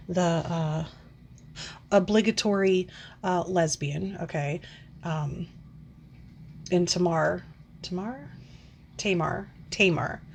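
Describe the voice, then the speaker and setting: A woman's voice: fairly low pitch, slight background noise. A woman in her forties ranting casually into the camera, rambling and swearing, with frequent sighs and filler words. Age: 40s. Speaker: book vlogger. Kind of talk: casual rant.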